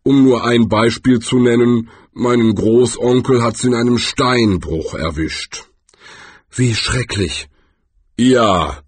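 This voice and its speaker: A man voicing a huge, gloomy male troll who speaks slowly and deliberately. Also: husky, dry recording. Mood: earnest. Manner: slow, deliberate and rumbling.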